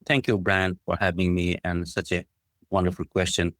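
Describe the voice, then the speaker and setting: A middle-aged Bangladeshi business school dean with a Bangladeshi accent speaks in a deep, fairly bright voice with flat delivery at normal speed. Guesting on a podcast, he earnestly and appreciatively tells his story in a conversational way, often saying "like, you know." There's no room sound.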